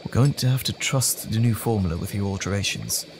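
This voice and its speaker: An actor playing Dr. Jekyll, an earnest, anxious gentleman scientist who speaks hesitantly and stammers, in a dramatic audio roleplay. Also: lowish voice, animated, a little fast, background noise. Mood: earnest, focused.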